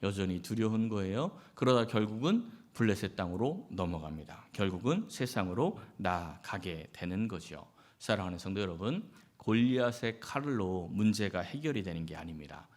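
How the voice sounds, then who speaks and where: A male pastor preaching a Sunday sermon to his church. He asks the congregation questions and answers them himself, and he acts out quoted lines with sudden rises in pitch and loudness. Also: animated, moderate pace. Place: church sanctuary.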